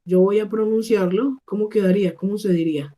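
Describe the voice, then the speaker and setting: A woman's voice: mid-range voice, brisk, warm tone. A woman with a Colombian Spanish accent teaching an online English class, patient and often checking that her students follow. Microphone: computer mic on a video class.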